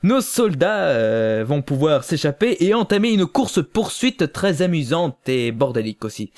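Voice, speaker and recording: A man's voice: on the high side, a little mellow. Hesitant young French man reviewing. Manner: hesitant, many fillers, laughs easily. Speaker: podcast reviewer. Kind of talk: casual review chat.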